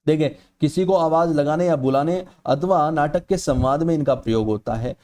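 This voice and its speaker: Man, teacher, exam-prep lecture, slightly high voice, explanatory, stretches vowels as examples. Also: normal speed, mellow. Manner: explanatory, repeats "ठीक है" often; stretches vowels aloud to demonstrate.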